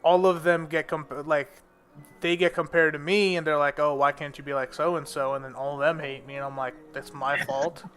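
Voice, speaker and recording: Born in America but raised in India, a young man chats casually over background music, blunt and full of informal slang. His voice is on the high side and fairly bright, with a level tone and a moderate pace.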